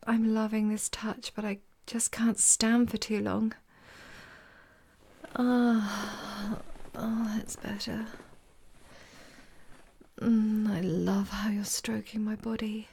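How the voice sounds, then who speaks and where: A young woman performing an intimate roleplay monologue, talking softly with sighs and frequent whispers close to the microphone. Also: medium pitch, flat delivery, takes it slowly, vocal fry, long pauses, husky. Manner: soft, sighing, often whispered.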